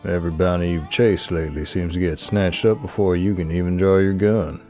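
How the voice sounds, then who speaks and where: A man narrating a game in a measured, storytelling delivery. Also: low voice, a little mellow. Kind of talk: scripted second-person narration.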